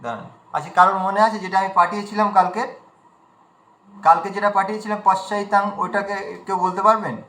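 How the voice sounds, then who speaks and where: A man teaching recitation in an online class, patiently drawing out words very slowly to demonstrate and often checking that students follow. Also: high voice, steady tone, pushed and bright, roomy sound, poor audio. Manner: often checks understanding with a question. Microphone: video call.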